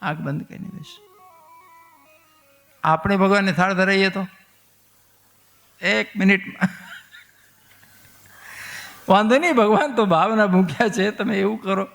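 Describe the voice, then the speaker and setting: A man's voice: high voice, measured pace, vocal fry, pauses often, a bit bright. A man telling a devotional story as a sermon, acting out the voices in the dialogue with animation. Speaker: katha storyteller. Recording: long hall reverb with faint music.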